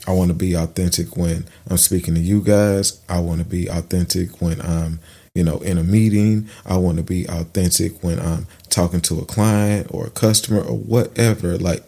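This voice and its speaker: Middle-aged male podcast host, very low voice, earnest and reflective, halting delivery. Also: gravelly, warm tone. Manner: earnest, thoughtful, halting with fillers and restarts. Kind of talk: reflective personal monologue.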